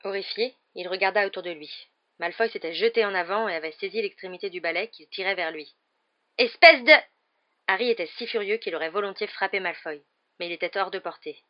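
A woman narrating a novel as an audiobook, reading in a lively storytelling manner. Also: lowish voice, muffled recording.

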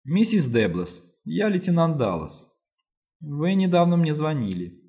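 A man's voice: a little high, sing-song, unhurried, mellow, pitched above the performer's own voice. A man voicing a determined woman police lieutenant who speaks firmly and insistently, in an audiobook reading. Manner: firm, insistent.

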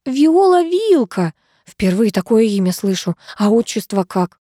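Female narrator doing a shrill, flustered young waitress; high, loud, drawn-out. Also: animated, no room sound, studio quality. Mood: bewildered.

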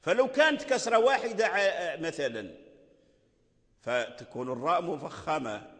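Male recitation teacher, high lively voice, patient repetition, long hall reverb. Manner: explains slowly with repetition, drawing out example words. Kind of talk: lecture on Quranic recitation rules.

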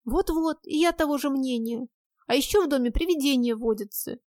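A sarcastic, outspoken young woman friend grumbles and teases, put on by a woman narrating a storybook. Her voice sits high and sharp-tongued. The sound is close and dry. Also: a little fast, dry recording, close to an everyday voice. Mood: mocking. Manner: blunt, mocking, grumbling.

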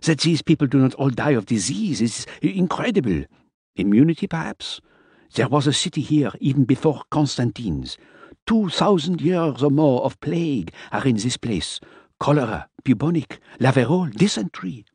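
A man's voice: medium pitch, big pitch swings, moderate pace, darkish tone, husky, no echo, studio quality, voice pushed up. A man voicing a fussy, gloomy man who fears germs and speaks in formal, precise wording. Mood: complaining. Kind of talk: audiobook character voice.

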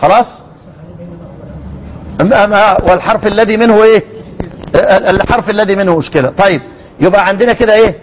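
A high-pitched Egyptian man teaching Quran recitation in a classroom lecture. He drills words over and over, stretching sounds out to demonstrate them, and keeps firing questions at his students. The recording is dull and lo-fi. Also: slight background noise. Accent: Egyptian Arabic. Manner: repeats words with drawn-out demonstrations, quizzes students.

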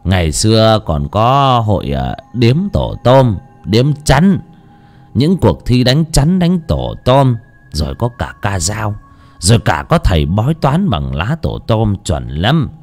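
Man voicing a calm old clan elder. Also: low-pitched, faint music behind, pitched below the performer's own voice. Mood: slow telling. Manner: slow, measured storytelling with hesitant fillers. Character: old clan elder over eighty, bald, calm and wise.

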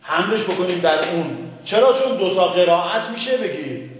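A male teacher giving a lecture on Quran commentary in a classroom. He keeps asking the class questions and recites words slowly. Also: high voice, animated, echoey room, in a large hall, rough recording. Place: classroom with a board.

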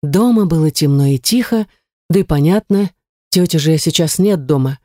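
A woman narrating a first-person fantasy audiobook in a lively, wry manner. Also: low voice, normal speed, no room sound, clean studio sound. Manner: lively wry storytelling with exclamations.

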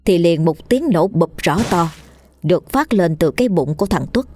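A woman with a low voice reads a horror tale in a steady, measured way. The recording is dry and close, with soft background music. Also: no room sound. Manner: steady storytelling. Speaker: narrator. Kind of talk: scripted horror story narration.

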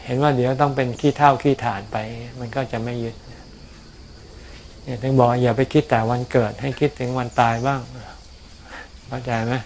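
A man, a Buddhist monk, answering questions about practice in a calm, explanatory way, often repeating words. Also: mid-range voice, fast talker, vocal fry, slight background noise. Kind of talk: casual dharma Q&A. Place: outdoors on a mountain.

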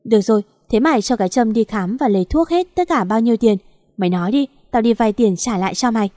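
A woman playing a gentle elderly mother who pleads anxiously over her children. The voice sits a touch high, and the recording is close and dry. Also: fast, dry recording, natural voice.

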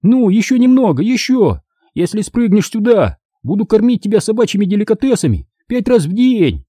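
A man voicing a panicky boy who pleads and shouts excitedly. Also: high-pitched, a little slow, breathy edge, no room sound, clean studio sound, voice pushed up, full character voice. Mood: desperate pleading.

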